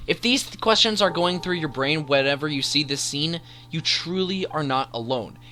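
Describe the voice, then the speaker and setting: A sharp-toned man with a voice on the high side and lively intonation hosts a video essay. Speaking at normal speed, he narrates a scripted countdown with enthusiastic, emphatic drama, voiced over background music.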